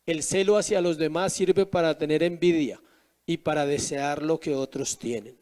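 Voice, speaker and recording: A man's voice: a little high, moderate pace, a little mellow. A man preaching a sermon as pastor, asking rhetorical questions with emphatic rises and drops.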